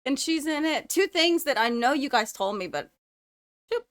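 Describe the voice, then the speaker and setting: A young woman hosts a casual movie reaction, her voice sitting a little high. She muses aloud and breaks into gasps and exclamations. Steady background noise and clicks run under her voice. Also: moderate pace. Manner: excitable, gasping and exclaiming, musing aloud.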